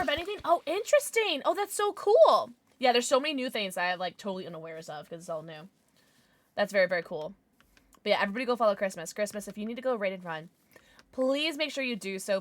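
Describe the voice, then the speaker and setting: A young adult woman chatting casually on a gaming livestream in a cute, bubbly, animated, exclamatory manner with playful slang. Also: mid-range voice, dry recording. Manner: animated, exclamatory, swinging from murmurs to squeals. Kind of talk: casual livestream chat over gameplay.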